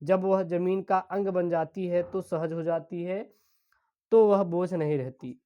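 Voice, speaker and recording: A woman teacher, explaining exam questions step by step and reading literary passages aloud slowly. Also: fairly low pitch, fairly even intonation, mellow, muffled recording. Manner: explains step by step, keeps calling students "dear children". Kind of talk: exam-prep lesson.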